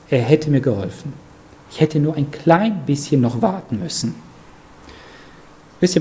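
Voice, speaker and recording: A man preaching a sermon, speaking emphatically and directly to his listeners, moving between raised pitch and hushed low moments.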